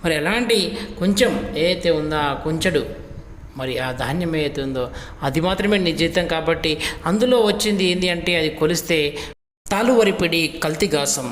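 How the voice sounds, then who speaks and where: Man, teacher explaining a poem, slightly high voice, rhetorical questions, echoey hall with long reverb. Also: normal speed, slight background noise. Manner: repeats lines and asks rhetorical questions.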